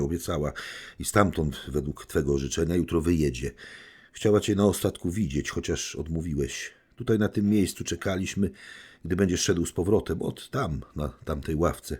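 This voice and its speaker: A man's voice: extremely low pitch, a little mellow, breathy edge. A man playing a brooding, jealous man who speaks in a curt, mocking way.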